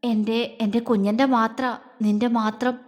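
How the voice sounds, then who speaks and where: A woman's voice: sits high, expressive, normal speed. A woman voicing a furious, possessive young man who turns tender with his beloved, in a Malayalam audio story. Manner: threatening, harsh then softly soothing. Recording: long hall reverb.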